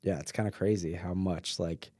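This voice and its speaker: Casting: man, lowish mellow voice, loose filler-heavy chat, dry close sound. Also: fairly even intonation, normal speed, no echo. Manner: rambling, filler-heavy, trails off quietly. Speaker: podcast guest. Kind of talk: casual conversation. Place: mountain home.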